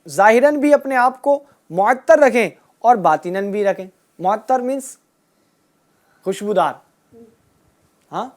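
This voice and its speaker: A woman teaching a group of children, asking them questions and repeating their answers, and drawing out key words slowly. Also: on the high side, darkish tone. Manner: asks a question, then repeats the answer back. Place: room with children and a passed microphone.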